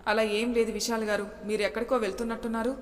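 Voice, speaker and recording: A woman's voice: a little high, little pitch movement, fast talker, natural voice. A woman voicing an anxious young office worker who muses earnestly to himself. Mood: eager. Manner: worried, earnest inner musing. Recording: long reverb echo.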